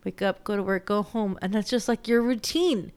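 A woman's voice: medium pitch, moderate pace, a little mellow, clear, resonant tone. A young woman teacher with a Texan accent chatting through her week in a casual vlog, emotional and laughing often. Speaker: teacher and vlogger. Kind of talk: casual weekly recap vlog.

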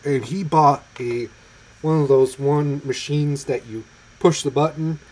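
A man's voice: fairly high pitch, fairly even intonation, measured pace, darkish tone. Chatty man co-hosting a casual podcast. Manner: loose, chatty, with ums and likes. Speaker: podcast co-host. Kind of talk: casual chat.

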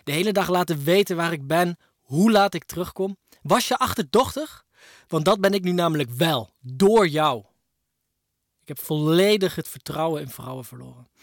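A young man with a fairly high voice speaks a personal monologue straight to his ex-partner. He moves between hushed reflection and raised, pained outbursts. The recording is dry and close, with no room sound. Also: no room sound. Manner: emotional, addresses his ex-partner directly. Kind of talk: personal spoken-word monologue.

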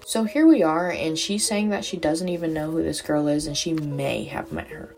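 Lower-pitched woman hosting a true crime podcast. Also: lively intonation, moderate pace, darkish tone, faint music behind. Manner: sarcastic asides. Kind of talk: casual storytelling narration.

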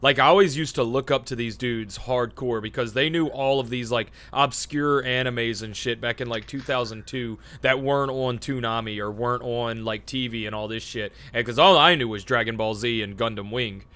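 A man's voice: mid-range voice, normal speed, hardly any pauses, bright, forceful tone. A man co-hosting a podcast, joking crudely and swearing a lot. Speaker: podcast co-host. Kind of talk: casual chat.

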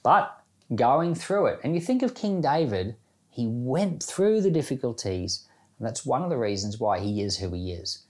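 Here a male pastor gives a casual, reflective devotional talk with commentary and prayer for a Bible podcast, keeping his language plain and conversational and leaning on everyday examples. He has a mid-range, darkish voice with a sing-song quality and a moderate pace.

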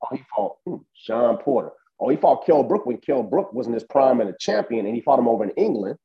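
Animated man in casual sports talk. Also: mid-range voice, brisk, creaky, lo-fi sound. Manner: animated, emphatic, heavy use of fillers. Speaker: boxing podcast co-host.

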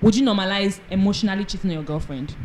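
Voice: medium pitch, rapid-fire, rough recording. A host leads a casual group chat, putting questions to the guests in a playful, laughing way. Faint background noise sits behind the voice.

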